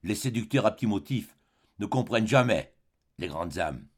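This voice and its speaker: A man narrating an audiobook of a classic novel in a measured, expressive literary reading. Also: on the low side, husky. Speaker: audiobook reader.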